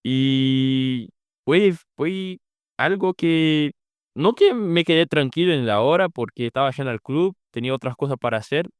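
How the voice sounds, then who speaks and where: His voice a little high and animated, a young Brazilian former exchange student fields podcast interview questions in Spanish at a measured pace. Portuguese is his first language, his accent is Brazilian Portuguese, and he hesitates as he searches for words. The sound is smooth, echo-free and clean, as from a studio.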